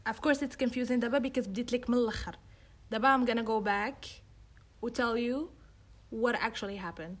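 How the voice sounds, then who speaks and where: A woman's voice: a little high, unhurried, pauses often. A young woman with a Moroccan accent telling a true-crime story in casual chat, switching into English and acting out the quoted dialogue. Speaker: host.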